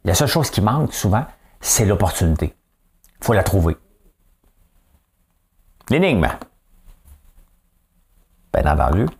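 Chatty Quebec French man, low voice. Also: sing-song, fairly quick, darkish tone. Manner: chatty, asks for agreement. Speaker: vlogger. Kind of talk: casual monologue.

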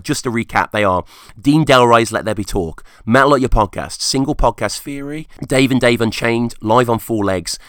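Low, rusty-voiced man, casually podcasting. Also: fairly bright tone, no echo, clean studio sound. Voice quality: rusty, hoarse voice. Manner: enthusiastic, informal. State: hungover, croaky. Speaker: music podcast host. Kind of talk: casual rambling solo podcast talk.

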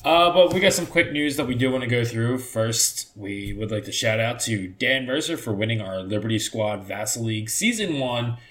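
A man's voice: mid-range voice, animated, fairly bright tone. A man hosting a casual podcast, chatty and joking, recorded in an echoey, half-set-up home studio. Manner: easygoing, chatty, quick to joke. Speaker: podcast host.

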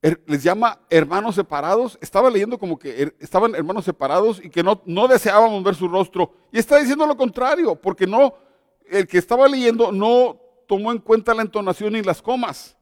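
A man, a pastor giving a Bible study, speaking in an animated, emphatic way and pausing deliberately at commas. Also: high-pitched, no room sound, clean studio sound, big-room sound.

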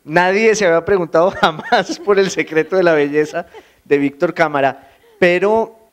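A man with a Colombian accent, a writer talking in conversation, halting and repeating words, making wry asides. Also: high-pitched, clear, resonant tone. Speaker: writer, guest. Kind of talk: conversational discussion.

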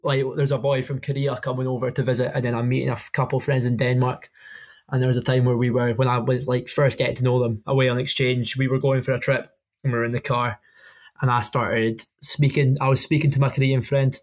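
Young man with a Highland Scottish accent. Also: little pitch movement, a little fast. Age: young adult. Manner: colloquial, matey storytelling. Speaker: podcast co-host. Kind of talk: casual football chat.

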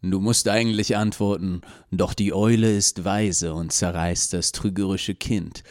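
A man voicing a masked male gatekeeper who speaks through a door hatch in a deep, rough voice with slow, cryptic chanting. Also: steady tone, a little mellow, dry recording, clean studio sound. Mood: eerie. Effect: voice muffled through a door.

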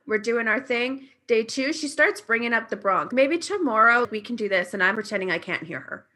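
Bright-voiced woman telling a story casually. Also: on the high side, animated. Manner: laid-back, swears freely, quick bursts of banter.

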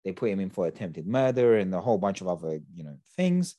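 A man's voice: low-pitched, sing-song, fast, dark tone, dry recording. A young man, hosting a podcast in casual, slangy chat. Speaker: podcast host.

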